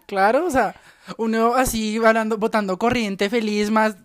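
A woman's voice: a little high, moderate pace. Slangy woman podcast host. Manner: slangy, animated, frequent laughter. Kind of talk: casual chat.

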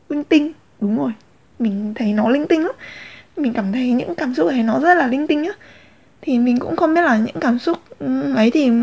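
A woman's voice: fairly high pitch, a little mellow. A young woman, rambling candidly in a casual confessional vlog. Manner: rambling, many fillers and restarts, candid. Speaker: vlogger.

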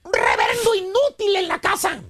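A man voicing a squeaky, rambling know-it-all with a Mexican accent in a radio comedy sketch, mocking and lecturing his buddies. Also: wildly swooping pitch, normal speed, creaky, a bit bright, heavily acted. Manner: mocking, rambling, keeps saying caballo. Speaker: radio show regular.

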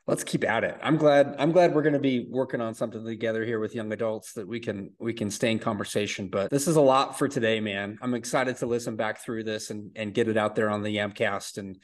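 A young adult man hosting a podcast interview, wrapping up with warm, affirming, informal thanks. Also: on the low side, fairly even intonation, brisk, few pauses. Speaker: podcast host.

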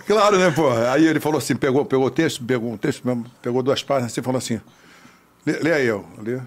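A man telling a lively anecdote about his acting career, acting out the other people's voices. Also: medium pitch, moderate pace, pauses often. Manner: animated storyteller, acts out voices. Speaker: actor telling a story. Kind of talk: casual anecdote.

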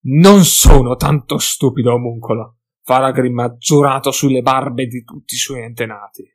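A man reading an audiobook, voicing a gruff, hot-tempered male dwarf warrior who growls and talks bluntly and loudly. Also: medium pitch, normal speed, close to an everyday voice.

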